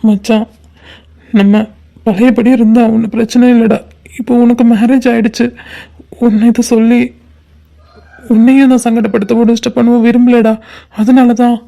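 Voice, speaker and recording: A woman's voice: a little high, level tone, moderate pace, gravelly, long pauses, mellow. A woman voicing a heartbroken young man in a cartoon, talking in a despairing, pleading way to his best friend. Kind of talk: cartoon voice acting.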